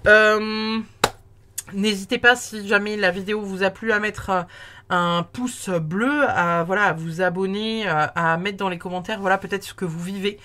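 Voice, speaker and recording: A woman giving a casual tarot reading, chatty and warm in tone, with many fillers and restarts. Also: medium pitch, steady tone, moderate pace, a little hiss or hum. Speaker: tarot card reader.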